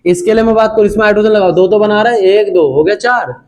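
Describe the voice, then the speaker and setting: A man's voice: sits high, quick pace, darkish tone. A young man teaching a chemistry class online, chatty and repetitive, constantly asking students questions and calling them brother.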